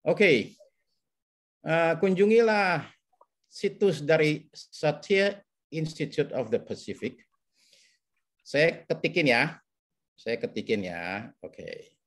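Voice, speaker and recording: Male counseling teacher, webinar lecture on a video call, lively pitch, keeps checking in with listeners. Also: slow, long pauses. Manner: teacherly, checks in with repeated oke and ya.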